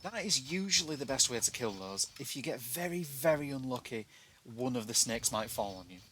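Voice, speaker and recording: A man's voice: mid-range voice, animated, fairly quick, pushed and bright. A British man with glottal stops in place of his T's gives casual gameplay commentary in a chatty, self-deprecating way. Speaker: video game player giving a walkthrough. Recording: noticeable background noise.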